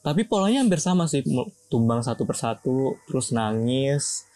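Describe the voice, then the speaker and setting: A man in a casual chat, recounting an experience in a relaxed, slangy way. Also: mid-range voice, normal speed, no room sound.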